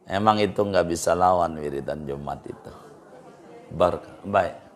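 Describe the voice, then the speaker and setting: A male preacher gives relaxed religious counsel. He talks informally and repeats key phrases for emphasis, his pitch jumping up when he drives a point home. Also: unhurried. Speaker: Islamic preacher answering questions. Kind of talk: casual religious advice talk.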